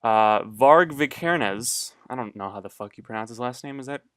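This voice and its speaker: A man's voice: medium pitch, moderate pace, a bit bright, dry recording. A young man co-hosting a casual podcast, rambling and hesitant with lots of fillers and swearing. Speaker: podcast co-host.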